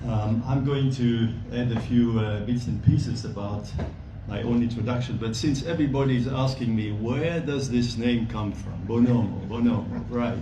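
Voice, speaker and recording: A man in his sixties from Belgium, gives a friendly speech at a gala dinner and chuckles softly. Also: medium pitch, normal speed, hardly any pauses. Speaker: volunteer bike instructor. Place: banquet hall. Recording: echoey hall, mic far off, noisy.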